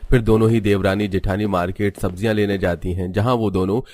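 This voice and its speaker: A man narrating an animated family story in a scripted storytelling manner. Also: on the low side, quick pace, no echo.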